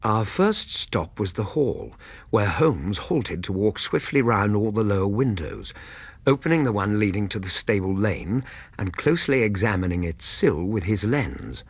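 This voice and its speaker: A loyal, courteous gentleman doctor tells the story in a radio play. His English voice is husky and varies expressively, recorded very dry. The delivery is measured and literary. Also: lowish voice, big pitch swings, no room sound, heavily acted. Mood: measured, descriptive. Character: courteous, loyal male Victorian doctor and narrator. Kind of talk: radio drama narration.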